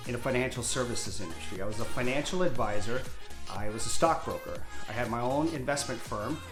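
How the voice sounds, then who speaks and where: A man in his fifties from Hawaii introduces himself to the camera as a real estate agent, talkative, candid and upbeat like a salesman. His mid-range voice sounds reverberant.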